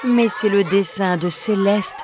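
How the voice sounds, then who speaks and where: A woman reading a children's story aloud in a slow, expressive, sing-song way. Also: mid-range voice, crowd noise, background noise.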